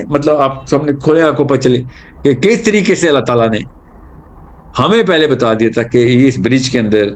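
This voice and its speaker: A man giving an animated religious talk, telling stories and mixing in English terms. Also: mid-range voice. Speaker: Islamic speaker.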